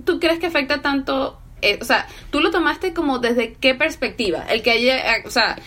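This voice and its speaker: A woman with a notably high voice chatting casually. She keeps looping back with fillers and restarts, full of enthusiasm for the subject. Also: normal speed, pushed and bright. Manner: chatty, fillers like "o sea" and "literal". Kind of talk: casual chat about fashion.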